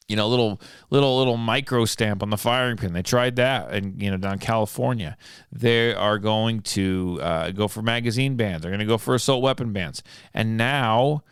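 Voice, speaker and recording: A middle-aged man hosting a casual solo podcast, rambling with many restarts and repeated words, and a little hoarse because his voice is going. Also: lowish voice, dry recording, clean studio sound. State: losing his voice. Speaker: podcast host.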